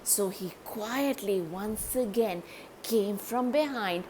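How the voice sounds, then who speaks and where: A woman reading a children's story aloud, animated and speaking directly to young listeners. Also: mid-range voice, takes it slowly, slight background noise.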